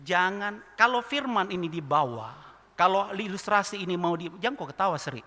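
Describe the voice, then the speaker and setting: A man's voice: sits high, brisk. A male pastor, preaching a sermon and telling a funny illustration, acting out the characters and questioning the congregation. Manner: lively storytelling, mimics a speech lisp, asks the congregation questions. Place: large church hall. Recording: long church hall reverb.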